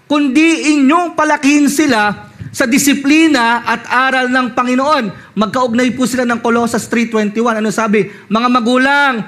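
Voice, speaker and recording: Filipino male lay preacher, very high voice, animated sermon delivery with slow scripture readings. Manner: animated, swings from high reading voice to low asides; reads scripture slowly and loudly.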